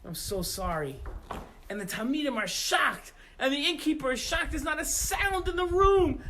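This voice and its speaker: A man telling a story to children with animated, emphatic delivery, outdoors in the rain. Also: extremely high pitch, moderate pace, a little hiss or hum, poor audio.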